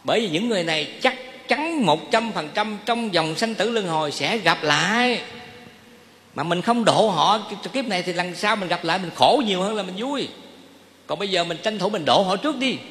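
A man's voice: high voice, long reverb tail. A man with a Southern Vietnamese accent, a Buddhist monk giving a dharma talk and often asking the audience questions. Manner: lively, asks the audience questions.

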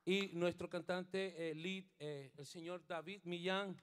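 Leading his band on a studio stage, a middle-aged man from Puerto Rico plays bass and introduces the players through a stand mic. His tone stays steady as he mixes Spanish and English, pausing with fillers, then grows fervent and preacher-like in spiritual encouragement. The background is noisy.

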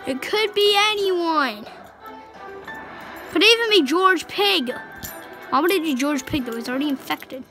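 High-voiced excitable woman gaming. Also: unhurried, pauses often, rough recording. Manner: excitable, swings between yelps and hushed whispers. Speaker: gameplay commentator. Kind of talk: let's play commentary. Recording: game music playing clearly behind the voice.

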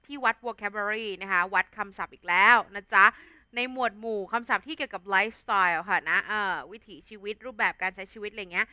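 A woman's voice: medium pitch, fairly quick, pushed and bright, clean tone, no echo, muffled recording. A young adult woman with a Thai accent teaching an English vocabulary lesson in a chatty, casual way, full of fillers and tag words. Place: studio.

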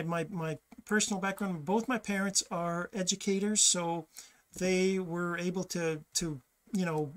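Sitting at a webcam in his small home office, a middle-aged Québécois man, a native French speaker, hosts a podcast as a loose monologue while sharing his screen. He meanders and revises himself as he goes, in a high, fairly bright voice.

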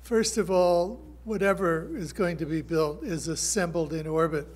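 An older man, a historian on a panel, speaking in a measured, thinking-aloud way at a table mic. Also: fairly high pitch, steady tone, darkish tone. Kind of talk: panel talk. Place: conference hall stage.

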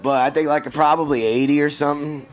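A man's voice: on the high side, fairly even intonation, brisk, faint music behind. Laid-back chatty male streamer. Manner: laid-back, chatty, slangy, addresses viewers as bro and dog. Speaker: game streamer. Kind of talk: casual livestream chat.

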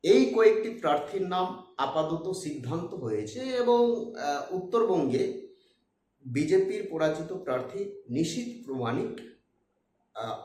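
Impassioned man with lively, emphatic pitch. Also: roomy sound. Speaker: political commentator. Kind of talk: spoken political commentary.

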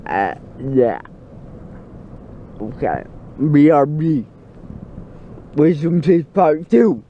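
Groggy, loopy teenage guy, swooping pitch. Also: big pitch swings, very slow. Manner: goofy, disjointed rambling. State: groggy and loopy from anesthesia, mouth numb after dental surgery. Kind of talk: rambling casual selfie vlog. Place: inside a moving car. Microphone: phone at arm's length. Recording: muffled phone audio with car road noise.

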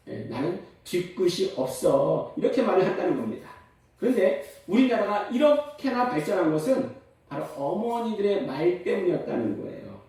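A man's voice: sits high, dark tone. A middle-aged man preaching a sermon, telling stories and acting out the quoted lines. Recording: echoey room, voice from a distance.

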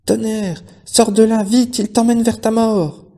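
A man's voice: sits high, level tone, unhurried, mellow, pitched above the performer's own voice. A man voicing a big motherly mare in a storybook reading, crying out desperately.

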